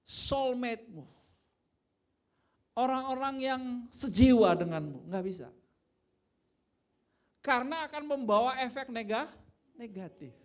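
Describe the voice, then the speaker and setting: A male pastor from Indonesia preaching a sermon in a casual, conversational way, dropping to quiet asides and then rising into loud, emphatic bursts. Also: extremely high pitch, animated, a little slow, long pauses. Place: church worship service.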